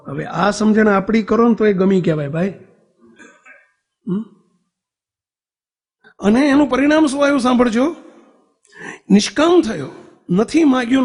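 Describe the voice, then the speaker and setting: Man, preacher; high husky gravelly voice; storytelling sermon, acts out dialogue. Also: a little mellow, in a large hall. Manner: addresses listeners as devotees, asks for raised hands.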